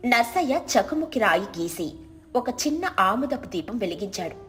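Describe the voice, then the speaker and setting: A woman narrating a village moral story in a steady, clear storytelling voice. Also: medium pitch, normal speed, faint music behind.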